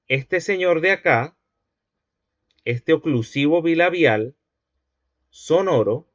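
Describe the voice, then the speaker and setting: Male lecturer, somewhat high voice, patient and repetitive, dry muffled lo-fi sound. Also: lively intonation, slow pace, dry recording. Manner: patient, repetitive, asks checking questions. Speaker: linguistics teacher. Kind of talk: university lecture. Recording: dry, dull lo-fi recording.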